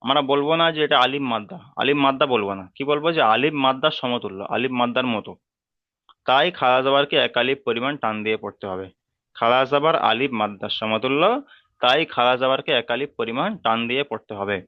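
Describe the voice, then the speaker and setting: A man with a Bengali accent teaching a slow, step-by-step reading lesson, patiently repeating each term and drawing out each sound. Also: mid-range voice, no echo, muffled recording.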